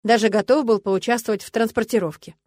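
A calm young crown prince who talks in slow, level, unbothered lines, read by a woman in her own register. The sound is close and dry, with no room around it, as in a studio audiobook. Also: fairly high pitch, no room sound, lightly acted. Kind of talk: audiobook character voice.

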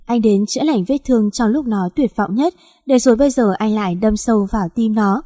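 A woman's voice: fairly high pitch, a little fast, mellow, dry recording, clean studio sound, in a large hall, natural voice. A woman voicing a heartbroken young woman in despair, tearful and pleading. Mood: grieving.

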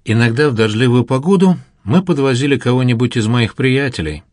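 A man narrating an audiobook in a calm, measured storytelling manner. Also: medium pitch, no echo, clean studio sound.

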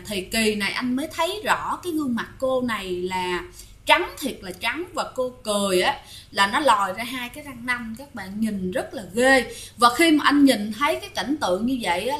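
Chatty bright-voiced woman telling ghost stories. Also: on the high side. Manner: chatty, addresses listeners often. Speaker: ghost story narrator. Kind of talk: casual storytelling to listeners.

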